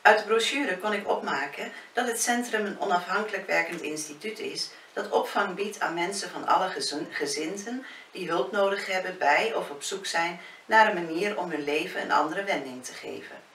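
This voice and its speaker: A woman's voice: fairly low pitch, normal speed, fairly bright tone, voice pushed up, close to an everyday voice. A woman reading the lines of a curious, candid young therapist in a spoken novel. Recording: roomy, distant, faint hiss.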